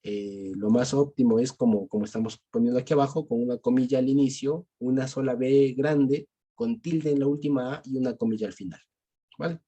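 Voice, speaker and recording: Speaking with an Ecuadorian Spanish accent, a man leads a small Bible study by video call, walking through each step and checking with his listeners after every point. His voice is mid-range and fairly quick, with a dark tone and a breathy edge.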